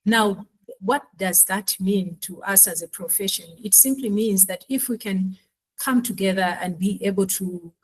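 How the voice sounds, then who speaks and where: Malawi-born woman panelist, mid-pitched, measured explainer. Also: husky, low-quality recording. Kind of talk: panel discussion.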